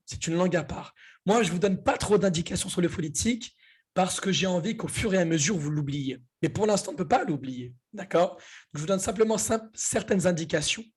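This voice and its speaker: A man teaching an online Arabic class, lively, often checking the students follow. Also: high voice, husky. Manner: lively, repeats key points, asks "d'accord?".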